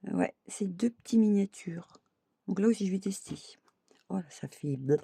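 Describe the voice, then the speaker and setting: A woman's voice: medium pitch, animated, normal speed, gravelly, warm tone, slightly rough, no echo. A woman craft vlogger chatting casually to her viewers, thinking aloud and dotting her talk with little "hop" and "voilà".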